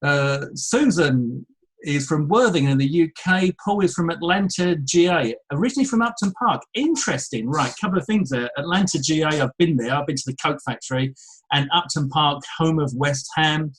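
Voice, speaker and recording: A man from England with an English accent, hosting a live webinar and chattily reading out attendees' names with quick asides. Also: on the high side, animated, fairly bright tone, husky, rough recording. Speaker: webinar host. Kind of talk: casual live webinar welcome. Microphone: headphones with mic.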